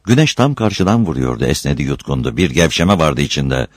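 Deep voiced guy reading a story aloud, really expressive, dry close sound. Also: brisk, dry recording. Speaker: narrator. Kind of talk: audiobook reading of a novel.

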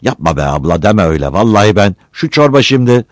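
A greedy, simple-minded village man bellows and begs for food in a raised, strained voice, as a man reads him in a storybook. His voice jumps high and loud above a plain reading tone. It sounds close and dry, with no room around it. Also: very animated, fast, no room sound. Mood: wheedling. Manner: loud, shouting and wheedling.

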